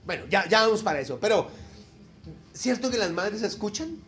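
Lively, high-voiced preacher. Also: male voice, normal speed. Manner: animated, jokey preaching with sudden outbursts and laughter; talks to the congregation with tag questions. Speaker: pastor. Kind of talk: Mother's Day sermon.

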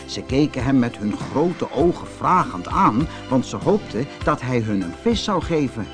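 A man from the Netherlands reading a fairy tale aloud in an expressive, measured storytelling manner. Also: mid-range voice, music in the background.

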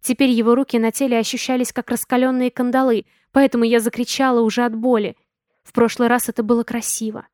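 Female audiobook reader, fairly high voice. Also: little pitch movement, fast talker, a little mellow, no echo, clean studio sound. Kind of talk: first-person audiobook narration.

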